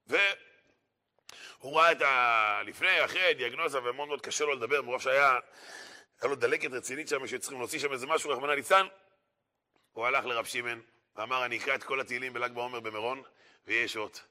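A male preacher telling stories to his listeners in a sermon. His tone is very bright and piercing, and he drives each point home by saying it again and again. His pitch sits in an ordinary middle range for a man. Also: long pauses. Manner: emphatic, repeats phrases for effect. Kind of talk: storytelling sermon.

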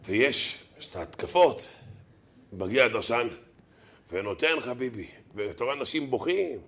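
Animated, bright-voiced male preacher. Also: mid-range voice, vocal fry. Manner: animated, acts out quoted voices, chuckles often. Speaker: rabbi preacher. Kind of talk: lively sermon with stories.

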